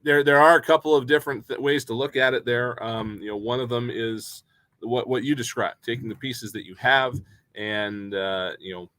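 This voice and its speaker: Guy hosting hockey pregame, loose and chatty, bright voice, dry sound. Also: medium pitch, normal speed, dry recording. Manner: relaxed, chatty, many fillers. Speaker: pregame show host. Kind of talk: casual sports chat.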